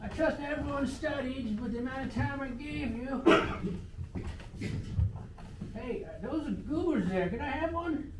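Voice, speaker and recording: A man plays a bumbling teacher who rambles and hesitates with lots of fillers. His voice sits high for a man. It is caught from far away in an echoey, noisy room. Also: a little slow, pauses often. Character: bumbling adult man teacher of teen kids. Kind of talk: live improv comedy.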